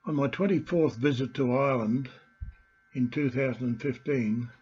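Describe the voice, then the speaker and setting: An older man from Australia with a husky voice, presenting an informal heritage talk as host and storyteller in halting, deliberate phrases. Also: mid-range voice, a little mellow, dull audio. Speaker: host, family historian and storyteller.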